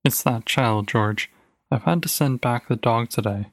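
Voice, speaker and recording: A man's voice: mid-range voice, unhurried, dry recording, natural voice. A man voicing a stern, determined mother, reading her lines firmly and insistently in a storybook reading. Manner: firm, clipped and insistent.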